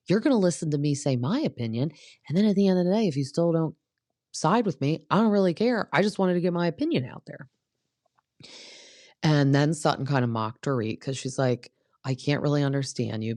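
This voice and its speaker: A woman hosting a podcast gives a casual, opinionated recap of a reality show, filling her chatty talk with "like." Her voice is extremely low and a little mellow, recorded in clean studio sound with no room echo.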